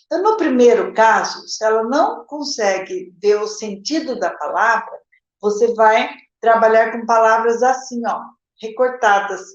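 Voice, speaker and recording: This literacy teacher, a woman with a Brazilian Portuguese accent, sounds animated and somewhat high-pitched at a normal speed, recorded muffled in an echoey room. During a live session she explains answers to viewer questions step by step, checking in with her audience and addressing them with "gente" and "tá?".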